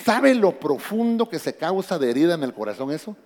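A man's voice: on the high side, fairly quick, in a large hall. A man preaching a sermon as pastor, addressing the congregation directly and often calling out to them. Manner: animated preaching, calls out to congregation. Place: church.

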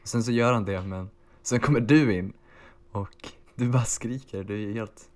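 A man with a slightly low voice speaks with theatrical, overwrought phrasing. He plays up the melodrama of a comic podcast exchange. He is heard over a video call. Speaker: podcast co-host.

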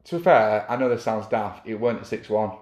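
Man, low-voiced club official, halting and rambly, roomy sound. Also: darkish tone. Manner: rambling, halting with many fillers and restarts. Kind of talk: casual chat.

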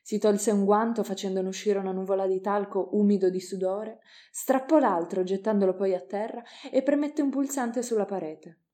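A woman narrating an audiobook in a measured, dramatic reading. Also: mid-range voice, warm tone.

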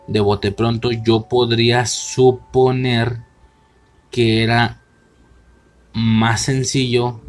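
A man's voice: medium pitch, a little hiss or hum. A young man with a Mexican accent giving a rambling, slang-heavy spoken film commentary, often correcting himself, with faint music underneath. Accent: Mexican Spanish. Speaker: podcast host reviewing a film. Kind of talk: casual solo commentary.

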